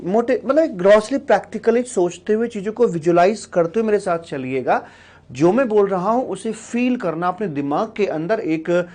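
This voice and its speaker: Chatty male tutor, raised pitch, cold-roughened voice. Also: a little mellow. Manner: chatty, teasing, fond, calls students "my child"; repeats key words, uses many fillers. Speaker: accountancy exam tutor. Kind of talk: live online revision lecture.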